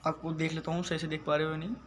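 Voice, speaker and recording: High-voiced man teaching math. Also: monotone, very fast, slight background noise. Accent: Hindi-accented English. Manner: patient, repeats questions to students. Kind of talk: classroom lesson.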